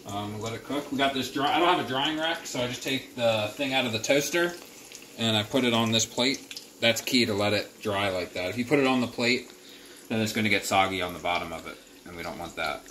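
A man's voice: fairly low pitch, brisk, pushed and bright. A young man casually walking through a recipe in his home kitchen, plain-spoken and full of fillers. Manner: laid-back, plain-spoken, filler-heavy. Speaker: home cook. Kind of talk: casual cooking demonstration. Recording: noisy home kitchen with sizzling.

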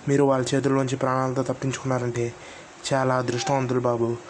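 A man voicing a calm male doctor who gravely explains an old ghost story, addressing the listener fondly. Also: mid-range voice, quick pace, slight background noise, close to an everyday voice.

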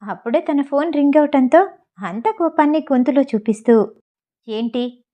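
A woman narrating an audio novel in a steady storytelling voice. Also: sits high, fairly quick, highs cut off. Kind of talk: reading a novel aloud.

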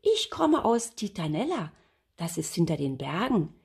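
A woman's voice: fairly low pitch, very animated, a little slow, vocal fry, slightly rough, heavily acted. An older woman voicing a cheerful, bold little girl dragon in a storybook reading. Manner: bright, friendly and forthright.

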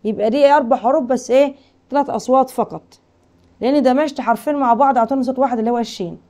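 A woman teacher with an Egyptian Arabic accent who explains a school English lesson, reading English lines slowly and translating them with questions to her pupils. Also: sits high, mellow.

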